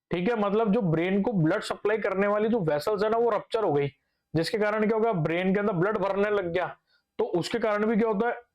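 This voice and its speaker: This is a young male nursing teacher with a high voice. He lectures patiently, asks the class questions and answers them himself, and repeats each key term a few times. He drops English medical words into his speech. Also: dull audio.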